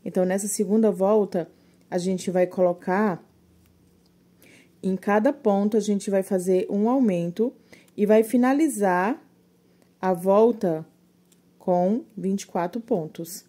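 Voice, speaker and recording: A woman's voice: medium pitch, takes it slowly, long pauses, mellow, husky. A woman teaching crochet step by step, patiently counting stitches aloud and a little short of breath.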